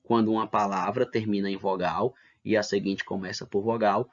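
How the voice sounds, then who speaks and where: A man's voice: lowish voice, flat delivery, moderate pace. A man teaching an online lesson, explaining step by step and checking in with "né?" and "tá bom?". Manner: explains step by step, asks rhetorical questions, adds "né?" and "tá bom?". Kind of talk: online lesson for middle school. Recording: dull lo-fi lesson recording.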